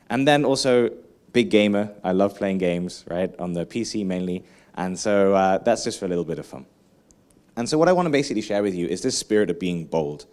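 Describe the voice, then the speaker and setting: Energetic keynote speaker. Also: male voice, on the low side. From England. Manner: lively, engaging, asks the audience questions, frequent "right?".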